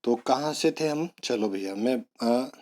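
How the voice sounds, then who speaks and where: A man's voice: mid-range voice, takes it slowly, a little mellow. A male teacher giving an online exam-prep lesson, repeating words and coaxing students along with memory tricks.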